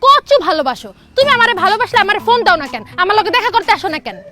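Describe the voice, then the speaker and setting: Woman as a demanding girlfriend, bright tense voice, soft music. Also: very high-pitched, sing-song, very fast, exaggerated voice. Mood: sulky. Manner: pouting, demanding. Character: sulky young village girlfriend.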